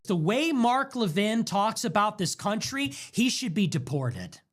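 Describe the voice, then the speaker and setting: A man's voice: high voice, big pitch swings, a little slow. A man in an angry, profane political rant, hurling insults. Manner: furious, profane, shouting insults.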